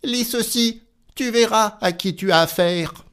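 A man voicing a boastful, cheeky little tailor in a storybook reading, with bragging, excitable exclamations. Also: sits high, measured pace, smooth, voice pushed up. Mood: cocky.

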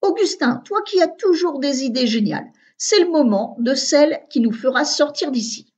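A woman's voice: high-pitched, animated, moderate pace, a little mellow, pitched above the performer's own voice. Woman doing a coaxing storybook mother. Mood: pleading. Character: warm coaxing mother of two. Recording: dull lo-fi recording.

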